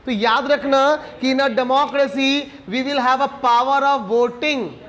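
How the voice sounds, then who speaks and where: An extremely high, somewhat bright voice belongs to this civics teacher, a man with an Indian accent who talks very slowly. He lectures in a mix of Hindi and English, raising rhetorical questions and checking the class is with him.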